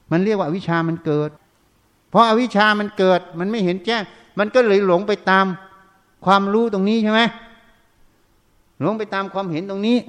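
A man's voice: sits high, clear, resonant tone. A man, a Buddhist monk teacher, giving a dharma talk and constantly quizzing his listeners with short questions. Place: meditation centre hall. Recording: long reverb of a large hall.

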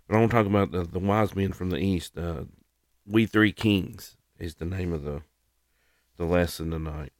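Deep-voiced man hosting a devotional podcast. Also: normal speed, no echo, studio quality. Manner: plain, homespun delivery with fillers and small restarts. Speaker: podcast host and lay preacher to firefighters. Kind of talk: devotional talk and scripture reading.

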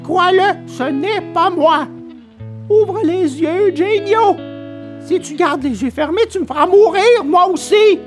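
Pinocchio, a high wailing puppet boy. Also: slow, over music. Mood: desperate sobbing. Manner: wailing, pleading, sobbing. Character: wooden puppet boy, stubborn, terrified.

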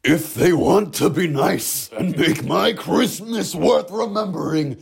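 A man acting Scrooge in a hobby audio drama, pleading and shouting dramatically. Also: fairly high pitch, slow, gravelly. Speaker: amateur voice actor playing Scrooge.

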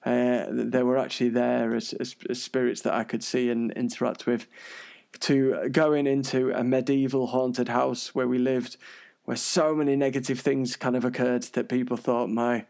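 A man's voice: medium pitch, flat delivery, moderate pace, gravelly, a little mellow. An unwell British man hosting a podcast in a chatty, earnest monologue, his breathing audibly wheezy. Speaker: podcast host.

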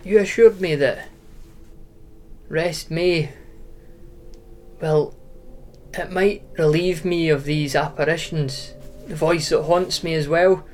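A man's voice: on the high side, fairly even intonation, slow pace, long pauses, a little mellow, slight background noise. An actor playing a feverish young man tormented by a haunting voice, pleading urgently. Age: young adult.

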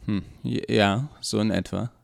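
Brief: male reader doing a stammering, evasive scientist, low and creaky, dry close sound. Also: steady tone, a little slow, no room sound. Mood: awkward. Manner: hesitant, full of ums. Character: awkward, evasive male research doctor.

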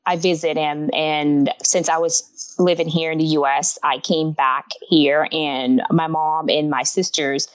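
A woman in her thirties from Honduras talks openly in a casual interview, laughing easily. Her voice sits fairly low. The recording is dull and lo-fi. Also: steady tone, a little slow. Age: 30s. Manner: open, laughs easily, talks frankly about loss. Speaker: guest artist.

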